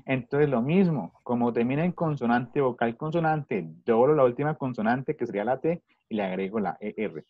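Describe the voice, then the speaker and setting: A man's voice: medium pitch, normal speed, hardly any pauses, no room sound, phone-quality sound. A man teaching an online English class to children in Spanish, patiently repeating his questions. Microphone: video call.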